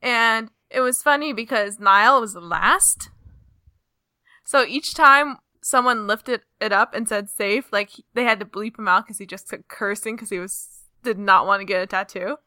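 A woman's voice: medium pitch, normal speed, sharp tone, dry recording. A young woman co-hosting a podcast, telling stories in a bubbly, gushing way. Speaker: podcast co-host. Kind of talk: casual chat.

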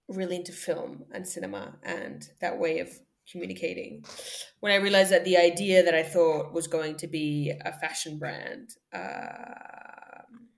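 Low-voiced woman reflecting in conversation. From Australia. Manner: thoughtful, frequent ums and restarts, light laughter. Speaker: podcast guest, former sprinter.

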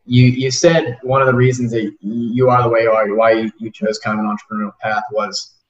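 A man's voice: mid-range voice, little pitch movement, brisk. Roomy distant young man chatting. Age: 20s. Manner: rambling, repeats words, earnest. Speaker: podcast host. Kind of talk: casual interview chat. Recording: roomy, distant, dull sound.

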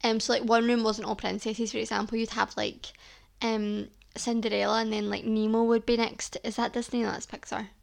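Scottish girl in her 20s rambling on her podcast, bit high voice, says like a lot. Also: little pitch movement, a little fast, vocal fry. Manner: chatty, rambling, heavy use of "like" and "um". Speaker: podcast host. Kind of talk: casual solo podcast chat.

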